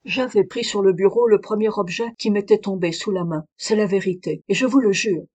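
A proud foreign woman speaks with dignity and firm conviction, as a woman reader puts her on. She keeps a steady, earnest delivery with a foreign accent. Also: mid-range voice, fairly quick, husky, close to an everyday voice. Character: proud exiled woman, dignified, confessing a crime.

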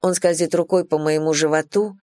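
A woman narrating a first-person romance audiobook in an even, intimate, low-key reading. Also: a little fast, no room sound, clean studio sound.

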